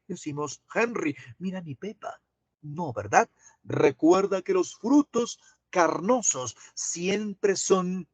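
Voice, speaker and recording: A man teaching an online class, asking students drawn-out questions. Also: a little high, no echo.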